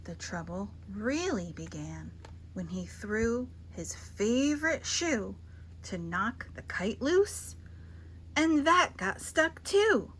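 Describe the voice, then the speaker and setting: A woman reading children's picture books aloud as a storyteller, theatrical and expressive with dramatic pauses and emphasis. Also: medium pitch, a little hiss or hum, poor audio.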